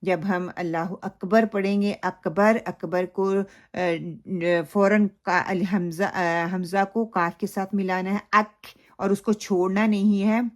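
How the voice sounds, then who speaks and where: Woman, recitation teacher, mid pitch, patient explanations, drawn-out recited phrases. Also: level tone, a little mellow. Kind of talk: recitation lesson with model recitation.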